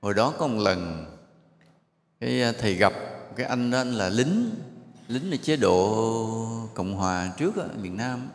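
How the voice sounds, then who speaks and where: A man's voice: fairly low pitch, expressive, normal speed. A man, a monk giving a sermon to a live audience, telling stories and putting questions to the crowd. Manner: storytelling, asks the audience questions and jokes with them. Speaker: monk giving a dharma talk. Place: large hall with an audience. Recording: echoey hall with long reverb.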